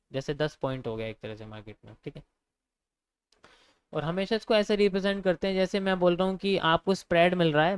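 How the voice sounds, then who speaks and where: Smooth-voiced young man teaching live. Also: high-pitched, no room sound. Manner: casual, repeats points, addresses viewers as bro. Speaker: trading teacher. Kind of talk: live online trading lesson.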